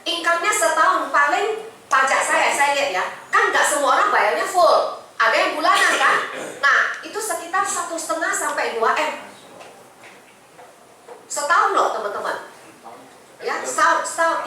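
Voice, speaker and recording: A woman's voice: high-pitched, expressive, moderate pace, long pauses, bright, forceful tone, a little hiss or hum. A middle-aged woman with an Indonesian accent, giving a chatty motivational talk to an audience and often asking them questions. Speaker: insurance agency director giving a talk. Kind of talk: motivational sharing session to an audience. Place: meeting room with an audience. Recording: echoey room, voice from a distance.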